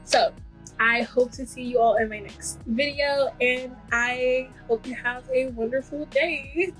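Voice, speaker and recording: A woman's voice: sits high, fairly even intonation, unhurried, fairly bright tone, soft background music, rough recording. A woman hosting her own channel, reviewing books in a gushing, chatty way with lots of fillers. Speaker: book reviewer and channel host. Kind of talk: casual book review chat.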